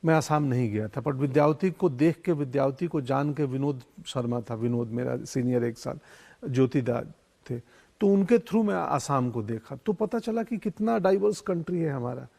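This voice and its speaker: A man's voice: medium pitch, lively intonation, moderate pace, vocal fry, dark tone. A middle-aged actor speaking as a guest in an interview, musing and philosophical, telling stories from his life. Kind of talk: reflective interview conversation in Hindi mixed with English.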